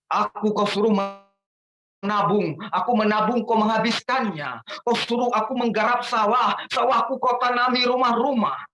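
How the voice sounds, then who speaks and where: A man reciting a protest poem dramatically, rising to shouts on the refrains. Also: high voice, unhurried. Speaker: guest poetry reader. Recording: echoey room with faint noise.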